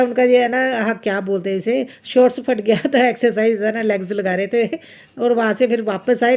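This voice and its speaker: A woman's voice: mid-range voice, a little mellow. Chatty homemaker woman with a Punjabi-tinged accent. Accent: Punjabi-influenced Hindi. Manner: chatty, homely, rambling with many asides. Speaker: homemaker vlogger. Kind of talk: casual voice-over vlog narration.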